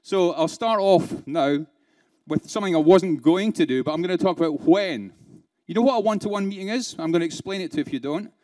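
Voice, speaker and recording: A man's voice: high voice, fairly quick, darkish tone. A man giving a keynote talk to a live conference audience, peppering them with rhetorical questions and playful asides. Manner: laughs between points, playful. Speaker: keynote speaker.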